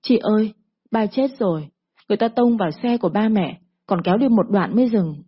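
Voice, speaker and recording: A woman's voice: mid-range voice, lively intonation, fairly quick, slightly rough, highs cut off. A mournful younger sister, voiced by a woman. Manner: mournful, lamenting.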